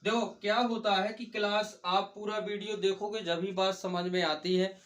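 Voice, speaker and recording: A man's voice: sits high, flat delivery, normal speed, a bit bright, distant mic. A man teaching a grammar lesson. He keeps asking his students short questions, answers them himself, and repeats each point. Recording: echoey room.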